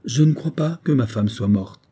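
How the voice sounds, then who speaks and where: A man's voice: mid-range voice, animated, moderate pace, dark tone, slightly rough. A man reading an audiobook voices a grieving young army captain who speaks in a grave, subdued way.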